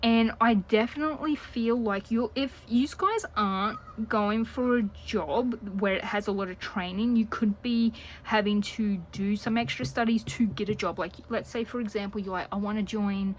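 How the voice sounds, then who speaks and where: A woman giving a casual general tarot reading to her viewers, chatty and rambling, drifting now and then into soft whispers. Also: on the high side, moderate pace, few pauses, a little hiss or hum, low-quality recording. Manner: chatty and rambling, talks a lot. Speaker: tarot reader.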